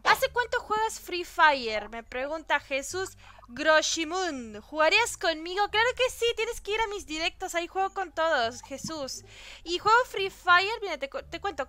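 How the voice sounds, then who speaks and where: A woman's voice: extremely high pitch, fairly bright tone. A young woman from Santiago del Estero with that region's Argentine accent, a gaming YouTuber chatting casually and giggling as she reads out and answers fan questions. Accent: Santiago del Estero Argentine Spanish. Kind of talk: casual Q&A chat.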